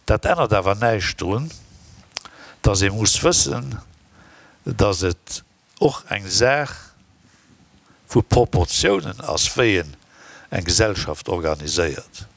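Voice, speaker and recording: A man with a low, gravelly voice makes his points in an opinionated, conversational way at a public discussion. The sound is dry and close. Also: big pitch swings, slow, long pauses, dry recording. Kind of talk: conference discussion. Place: conference hall.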